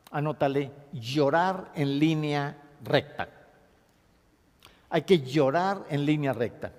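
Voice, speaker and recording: A man lectures in a voice pitched higher than most men's. He teaches expressively and pauses to dictate key points. His voice carries the long reverb of a hall. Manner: expressive, acts out sobs and dictates points to note. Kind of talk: classroom lecture on grief.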